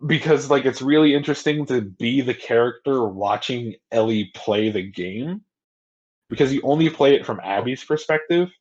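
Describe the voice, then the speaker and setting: Young male podcast co-host, casual and profane, rambling delivery with quick mock voices; dull lo-fi sound. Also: medium pitch, animated, darkish tone. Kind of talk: casual chat. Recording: slightly dull lo-fi audio.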